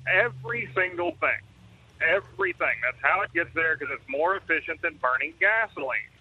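A man's voice: on the high side, lively intonation, moderate pace, husky. A man from Texas, calling in over the phone to a talk radio show and earnestly explaining his point as a truck driver. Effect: heard over the phone. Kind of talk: call-in talk radio chat. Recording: muffled phone line.

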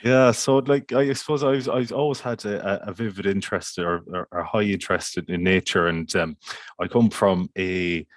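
A man's voice: low voice, steady tone, normal speed, no echo, clean studio sound. A man with a west of Ireland accent, chatting casually as an interview guest in a hesitant, meandering way. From County Mayo, Ireland. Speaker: podcast guest, community water officer.

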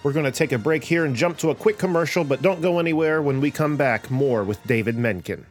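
A man hosting a podcast interview, encouraging his guest with quick affirmations. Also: fairly high pitch, faint music behind. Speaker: podcast host. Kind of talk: casual interview chat.

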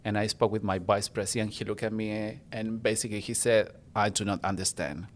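A man from Chile, a native Spanish speaker with a Chilean accent, chatting warmly as a podcast guest and making small grammar slips. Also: fairly low pitch, little pitch movement, fairly quick, a little hiss or hum. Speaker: guest, international student. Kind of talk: casual personal storytelling.

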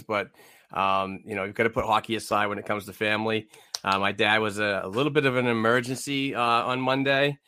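A man's voice: lowish voice, sharp tone, clean tone, no room sound, studio quality. A man co-hosting a sports podcast in casual, conversational talk. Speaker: podcast co-host. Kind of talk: casual chat about hockey.

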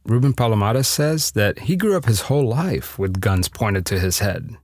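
A man's voice: on the low side, expressive, normal speed, dry recording. A man narrating a scripted true-story podcast with a dramatic storytelling delivery.

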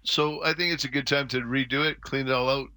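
A man's voice: mid-range voice, steady tone, a little fast, sharp tone, no room sound. A middle-aged man hosting a radio call-in show, giving casual advice in an informal, rambling, folksy way. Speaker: radio gardening phone-in host. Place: radio studio. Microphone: close studio microphone.

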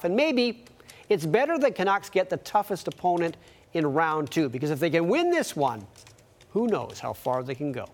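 A man anchoring TV sports in a conversational newscast style, with wry, offhand asides. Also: on the high side.

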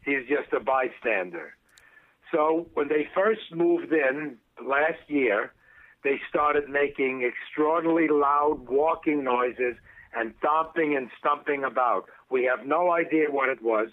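A man's voice: medium pitch, a little slow. A man calling in over the phone to a podcast, telling his story in formal, wordy phrasing. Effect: heard over the phone. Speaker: caller. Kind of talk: casual phone call on a podcast. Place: lives in a big city apartment building. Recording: tinny phone line.

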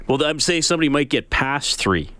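A man's voice: fairly high pitch, expressive, fairly quick, pushed and bright, no echo. Clean-voiced man hosting sports radio. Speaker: sports radio call-in host. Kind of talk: post-game radio talk with sponsor reads. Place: radio studio. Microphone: close broadcast microphone.

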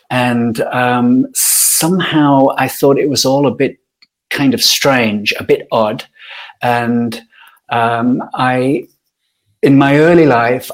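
Here a thoughtful Yorkshireman in middle age, a guest on a podcast, reflects on his own experiences. His pitch is medium, and he takes his time, with plenty of pauses and ums.

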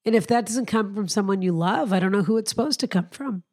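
A woman's voice: medium pitch, quick pace, a little mellow. Woman co-host with a weak, cold-worn voice. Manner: earnest, rambling with restarts. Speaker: podcast co-host. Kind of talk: casual advice chat.

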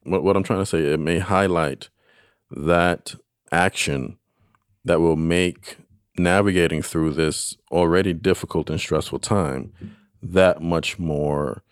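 A man giving conversational coaching advice in an encouraging, emphatic way, repeating phrases and pausing for weight. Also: low voice, fairly even intonation, clear, resonant tone, no echo, studio quality. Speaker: expert guest answering listener questions.

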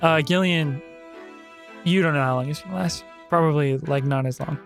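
A man's voice: a little high, moderate pace, creaky, soft background music. A man speaking casually and with banter as the game master of a tabletop session. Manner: bantering, mock-exasperated.

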